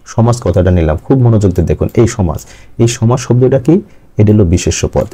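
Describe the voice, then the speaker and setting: Man, grammar teacher, very dark mellow voice, asks and answers his own questions. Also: fairly low pitch. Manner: asks the class questions and answers them himself. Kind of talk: step-by-step lecture.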